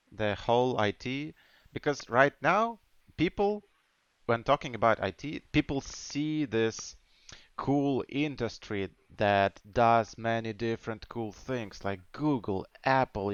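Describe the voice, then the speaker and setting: A man's voice: medium pitch, a bit bright, clean tone, dry recording, highs cut off. A man in his twenties from Ukraine, in English, hosting a casual podcast chat. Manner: chatty, nonnative English with restarts. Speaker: podcast host.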